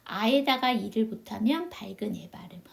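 A woman's voice: mid-range voice, animated, normal speed, gravelly. A woman English teacher giving an online phonics lesson, asking her students questions and answering them herself in a patient, step-by-step way. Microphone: video call.

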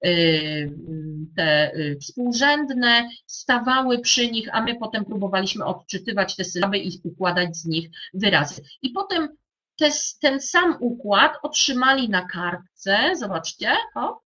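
Bright-voiced woman teacher, hesitant. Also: mid-range voice, animated, unhurried. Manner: hesitant, many fillers and restarts; addresses fellow teachers directly. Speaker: primary school teacher. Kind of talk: explaining a classroom coding activity. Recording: dull lo-fi sound.

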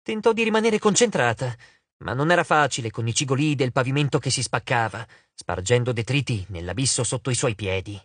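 A man narrating an audiobook in an expressive, theatrical way. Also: medium pitch, a little fast, slightly rough, no echo. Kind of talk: scripted narration.

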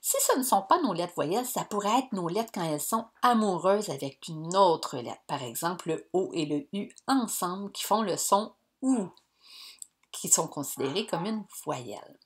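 A woman, teaching young pupils in a slow, clear, encouraging way. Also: on the low side, expressive. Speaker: primary school teacher. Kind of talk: recorded lesson for young pupils.

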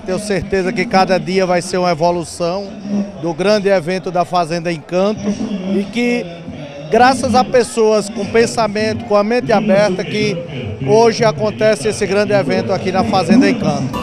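A man's voice: high-pitched, moderate pace. A man giving an on-location interview as a public official. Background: very loud music.

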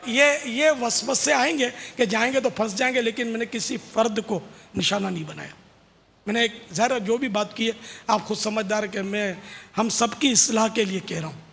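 A man's voice: sits high, gravelly, a bit bright. A man, a religious scholar, explaining and admonishing in a religious question-and-answer talk at a large gathering. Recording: long hall reverb, faint noise.

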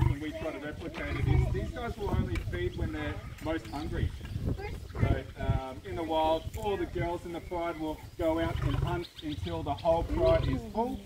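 A young Australian man giving an informal, instructive zookeeper talk outdoors, breaking off to praise and coax the animals. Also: a little high. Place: outdoors at a zoo animal enclosure. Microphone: camera a few metres away. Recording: very noisy outdoor phone recording.

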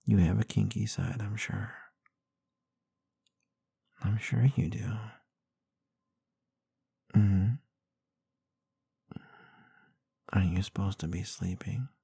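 An ASMR role-play with a man acting as a gently dominant, protective boyfriend at bedtime. His low, husky voice crackles with fry as he murmurs tender reassurance. It is breathy and intimate, right up close in a very dry space. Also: steady tone, takes it slowly, long pauses, dry recording, heavily acted. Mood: teasing, intimate. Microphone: close microphone in a dry space.

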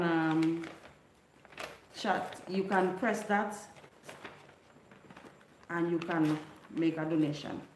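With a lowish voice, a middle-aged woman from Grenada, accented in Grenadian Creole English, hosts a laid-back livestream, telling a folk story and reading out viewer comments. She uses a desk microphone on a stand in her neon-lit living room, where the room echoes and there's slight background noise.

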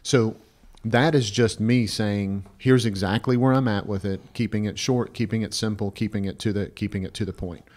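Speaking into a close podcast mic on a stand in a small indoor studio, this fifties-aged advice podcast co-host has a fairly low, darkish voice. His intonation stays fairly even at a moderate pace, while he talks emphatically and bluntly, repeats phrases, and keeps asking "right?"

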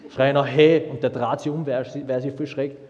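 A young man preaching a sermon, lively and humorous, with many restarts as he tells stories. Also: mid-range voice, quick pace, highs cut off. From Austria. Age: young adult. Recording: long hall reverb.

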